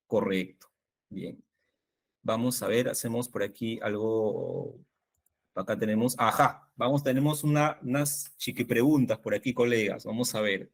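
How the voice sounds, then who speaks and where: A man with a Peruvian Spanish accent leads a spelling workshop for teachers over a video call. He quizzes the group and confirms their answers in a patient, didactic way, using a plain mid-pitched voice. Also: a little slow.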